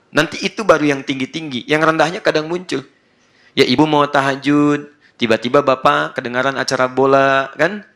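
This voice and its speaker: An Indonesian male Islamic preacher giving a lively sermon to a live audience, acting out little scenes between husband and wife and joking with the listeners. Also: mid-range voice. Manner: animated, acts out husband and wife, jokes with the audience.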